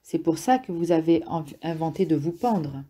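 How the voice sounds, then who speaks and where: A woman reading a patient, gently ironic man. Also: low-pitched, expressive, moderate pace. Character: calm, ironic grown man, patient and probing.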